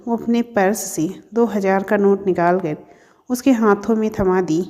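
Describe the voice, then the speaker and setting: A woman's voice: mid-range voice, normal speed, mellow, big-room sound. A woman telling a family story in scripted narration, speaking to her listeners as friends. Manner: reads all characters in her own voice, addresses listeners as friends.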